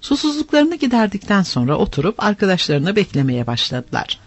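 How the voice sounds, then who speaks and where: A man narrating an adventure story aloud in an expressive, animated reading style. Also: high voice, fairly quick, no echo. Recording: dry, slightly dull lo-fi.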